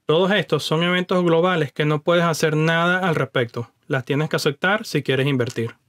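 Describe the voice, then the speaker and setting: A man with a fairly high voice walks the listener through stock market basics in a friendly, explanatory voice-over. He speaks straight to the viewer and drops in the odd English word. The sound is dry and close, with no room around it. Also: moderate pace, a bit bright, no room sound. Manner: conversational and explanatory, addresses the viewer directly; mixes in English words. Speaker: personal finance YouTuber. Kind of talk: explaining investing over screen recordings.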